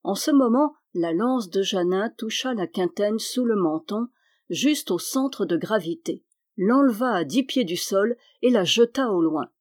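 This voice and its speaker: A woman's voice: medium pitch, lively intonation, unhurried, a little mellow, no echo. Woman reading a novel, dry close sound. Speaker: audiobook reader. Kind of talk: reading a historical novel aloud.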